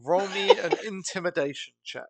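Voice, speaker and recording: A man narrating a tabletop game as game master, improvising in a halting, casual way. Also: high-pitched, a crowd in the background.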